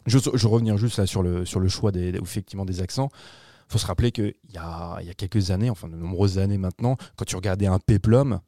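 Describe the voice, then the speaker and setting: A man reviewing a film in casual panel chat, animated and slangy, swearing freely and restarting his sentences. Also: deep voice, fast, no echo, studio quality.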